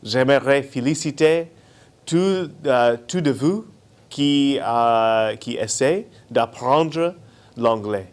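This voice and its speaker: A man's voice: mid-range voice, takes it slowly, smooth. A man, an embassy official, giving a short formal address in careful, hesitant non-native French.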